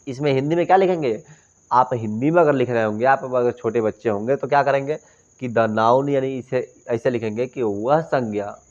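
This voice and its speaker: A male teacher with a Bhojpuri-tinged Hindi accent, giving a classroom grammar lecture. He asks questions and then answers them himself, and he mixes English phrases into his talk. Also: mid-range voice. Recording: dull lo-fi classroom recording.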